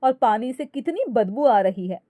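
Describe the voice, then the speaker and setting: A woman's voice: fairly high pitch, expressive, moderate pace, dark tone, no room sound, clean studio sound, close to an everyday voice. A woman voicing a fussy middle-aged aunt visiting as a guest, who complains in a spoken story. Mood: offended.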